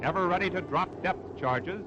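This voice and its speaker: A man with a high-sitting voice narrates a 1940s newsreel at a moderate pace, delivering it in a dramatic, declamatory style. It comes from an old newsreel soundtrack, with loud music underneath and the high frequencies cut off.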